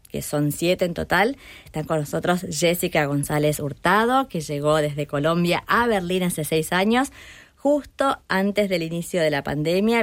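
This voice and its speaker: Low-voiced woman hosting a radio podcast. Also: no echo. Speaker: podcast host. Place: radio studio.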